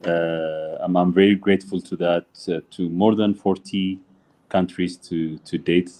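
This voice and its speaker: A middle-aged man from Ethiopia, a musician and teacher chatting over a video call, halting and full of filler sounds. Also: sits low, fairly even intonation, darkish tone. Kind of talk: casual interview chat.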